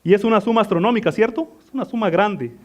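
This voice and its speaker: A man's voice: high-pitched, fast talker. A man preaching a sermon as pastor, asking his congregation questions and answering them himself, often addressing them as beloved. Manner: calls listeners "mis amados".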